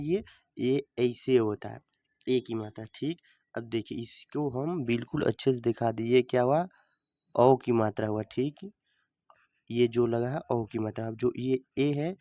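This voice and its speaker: A man's voice: medium pitch, warm tone, dry recording, dull audio. A man teaching Hindi reading, who stretches out words syllable by syllable and poses questions to himself before he answers them. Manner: explains by asking and answering his own questions. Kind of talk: slow teaching lesson, sounding out letters.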